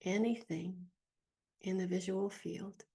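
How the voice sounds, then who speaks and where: In a mid-range voice with fairly even intonation, a woman guides listeners through a meditation. The voice is soft, husky and mellow with a touch of creak, and she takes her time, pausing at length between short phrases.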